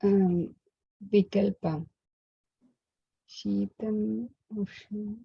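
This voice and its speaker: Slow, muffled woman student with Indian accent. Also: medium pitch, fairly even intonation, vocal fry, breathy edge, dry recording. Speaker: student in an online Sanskrit class. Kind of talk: slow recitation in class. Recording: muffled, dry online call audio.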